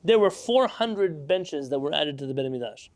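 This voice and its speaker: Guy teaching a torah class, voice a bit high, walks through each step and quizzes himself out loud. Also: lively intonation, normal speed. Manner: explains step by step, asks and answers own questions. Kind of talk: Talmud lesson to a class.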